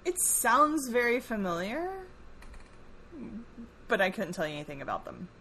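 Lively playful woman, faint hiss. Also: mid-range voice, moderate pace. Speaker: podcast co-host. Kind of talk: casual chat.

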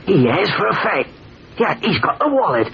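An actor playing a hungry, down-and-out drifter who talks wryly and chattily. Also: male voice, sits high, very animated, moderate pace, creaky, full character voice. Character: hungry, down-and-out male drifter, eager and wry. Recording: dull old radio recording with crowd noise.

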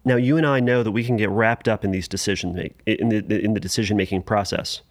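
A man hosting a solo podcast, talking casually with restarts and fillers and sudden lively jumps in pitch. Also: fast, dry recording. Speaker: podcast host.

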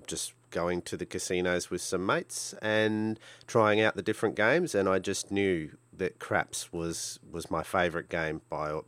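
A middle-aged man from Brisbane with a Queensland Australian accent hosts a solo podcast in a casual way. His voice is deep and clear, recorded dry with very little room sound. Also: dry recording. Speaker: podcast host.

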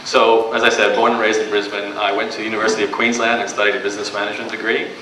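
Racing along in a lowish, sharp, flat voice, the same young man talks casually to the crowd at a business event, stumbling through fillers and restarts. He's from Australia but has a Canadian accent. The sound is captured from afar in an echoey room with noise in the background.

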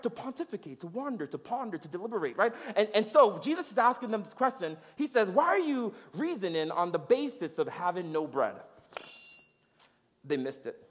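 A man preaching a sermon as pastor, energetic and conversational, laughing and checking in with his audience. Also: high voice, in a large hall.

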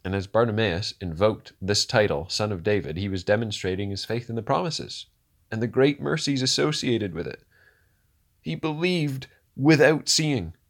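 A man preaching a sermon, swinging from hushed, slow lines to loud, rousing ones and asking the listeners rhetorical questions. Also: on the low side, lively intonation.

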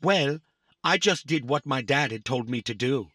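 A man's voice: medium pitch, lively intonation, normal speed, a bit bright, dry recording. A man voicing a literal-minded young boy robot in a family audio drama, stating times down to the millisecond. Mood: earnest. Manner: pedantic, counts exact milliseconds.

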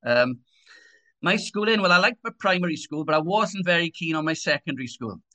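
Animated and fairly quick, a Welshman in his sixties with a high-leaning, pushed, bright voice offers personal testimony as an interview guest. He comes from Swansea, and his accent is Swansea Welsh, his manner conversational.

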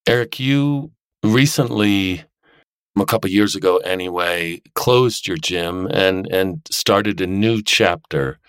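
A man hosts an interview, his voice very deep and unhurried. He asks measured, probing questions, recorded dry and close with no room sound. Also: fairly bright tone, smooth, no room sound. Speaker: podcast host.

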